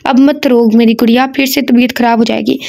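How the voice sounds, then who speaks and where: A woman voicing a mother who softly coaxes and comforts her daughter in an audio novel reading. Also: on the high side, fairly even intonation, brisk, creaky. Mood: soothing. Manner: soft coaxing.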